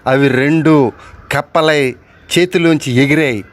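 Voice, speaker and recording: Expressive male storyteller reading aloud. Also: on the high side, a little slow, heavy background noise. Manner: expressive, breaks off to chat with the diary's writer. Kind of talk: storytelling narration with spoken asides.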